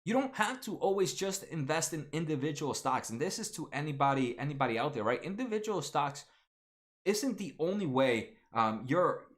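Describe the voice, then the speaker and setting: With a higher-pitched, very animated voice at a moderate pace, a man in his late twenties runs a casual stock market livestream. He reads viewer comments, speaks to them by name, and fills his talk with fillers and restarts.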